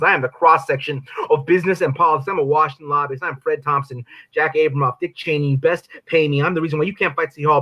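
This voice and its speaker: A man performing a spoken word poem as a boastful male devil who embodies greed, sneering and then building to shouts. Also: on the high side, dull audio.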